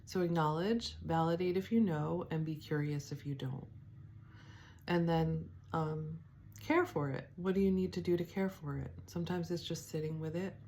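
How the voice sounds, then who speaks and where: A woman giving a spiritual teaching, speaking softly and reflectively, with pauses, fillers and restarts. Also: deep voice. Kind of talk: devotional teaching talk.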